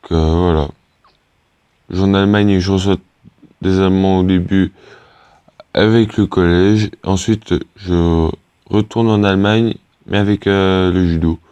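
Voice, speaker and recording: Teen male gamer, low voice, casual hesitant rambling commentary, dry sound. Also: steady tone, unhurried, mellow, clean tone, dry recording, dull audio. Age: teenager. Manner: rambling and hesitant, many fillers and restarts. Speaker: gaming YouTuber.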